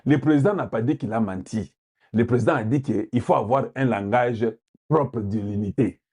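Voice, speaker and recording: A man from Congo with a Congolese French accent, delivering heated, forceful political commentary and repeating points for emphasis. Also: medium pitch, moderate pace, slightly rough. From Democratic Republic of the Congo.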